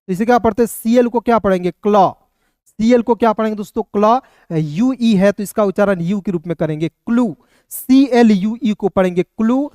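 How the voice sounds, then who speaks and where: In a dry, studio-quality recording, a man with a high, slightly mellow voice teaches English pronunciation in an online video. He spells words out slowly letter by letter, repeats each one, and speaks to his viewers as friends.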